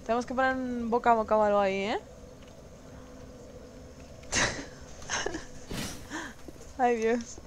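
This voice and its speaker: A woman from streaming a game, chatting with her viewers and exclaiming loudly at what happens on screen. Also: a little high, takes it slowly, long pauses, a little hiss or hum. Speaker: gaming streamer. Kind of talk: let's play commentary.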